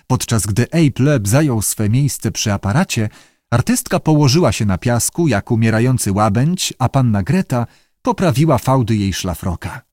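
A man narrating an audiobook in an expressive storytelling manner. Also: mid-range voice, normal speed, no echo, studio quality. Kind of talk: scripted narration.

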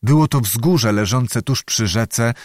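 A male audiobook narrator telling a historical tale in a measured, steady way. His voice sits at an ordinary middle pitch, recorded close and dry with no room sound. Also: no echo.

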